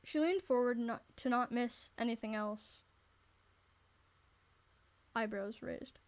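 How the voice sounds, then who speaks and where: Taking it slowly in a fairly high voice, a woman reads a visual novel aloud for a casual let's-play. She stumbles and restarts many times, pausing to comment, joke and swear.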